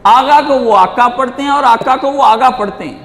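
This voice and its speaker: Emphatic high-voiced man in an echoey hall. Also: fairly bright tone. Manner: emphatic and repetitive, acts out quoted voices. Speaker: Islamic teacher answering questions. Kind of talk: religious question-and-answer lecture. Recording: echoey hall with faint noise.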